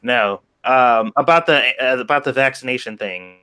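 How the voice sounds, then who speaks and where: A man's voice: medium pitch, moderate pace, sharp tone, clear, resonant tone. A man on a live-stream panel, chatting casually and telling anecdotes.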